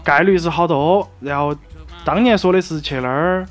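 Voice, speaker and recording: A man's voice: fairly high pitch, normal speed, faint music behind. A man with a Sichuan accent chatting casually and explaining things in colloquial speech. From Chengdu, China. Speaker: guest who studied in Australia. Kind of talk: casual chat.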